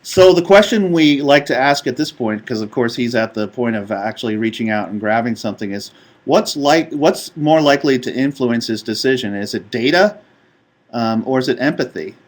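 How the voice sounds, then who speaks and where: A man's voice: mid-range voice, moderate pace. Man giving a casual design presentation. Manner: relaxed with frequent ums. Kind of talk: conference presentation.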